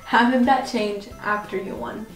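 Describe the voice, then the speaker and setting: A woman's voice: a little high, steady tone, normal speed. A woman hosting a casual vlog interview with her sister in an informal, chatty way. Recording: echoey, distant mic, background music.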